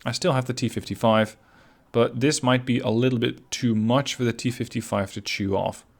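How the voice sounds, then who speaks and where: A man commentating his own strategy game replay, relaxed and analytical, pointing out his own mistakes as he goes. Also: medium pitch, normal speed, vocal fry. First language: not Finnish. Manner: relaxed, analytical, self-critical. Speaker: gameplay commentator.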